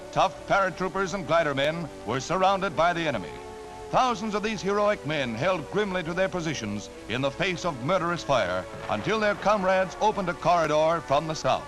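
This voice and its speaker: A man's voice: high voice, rough recording. An American man narrating a scripted 1940s wartime newsreel in a declamatory, dramatic old newsreel delivery on a vintage soundtrack.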